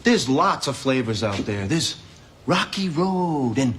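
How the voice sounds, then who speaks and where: A man's voice: medium pitch, big pitch swings, takes it slowly, a bit bright. An actor playing an easygoing young man giving dating advice, playful and laughing through his lines. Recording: noisy TV clip audio.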